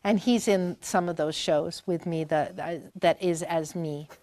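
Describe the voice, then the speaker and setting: In a conversational interview at a library talk, a Maine woman in her fifties, a performer and guest, rambles through family stories, full of fillers and false starts. She speaks at a measured pace in a steady, slightly mellow, fairly low voice, with no room sound.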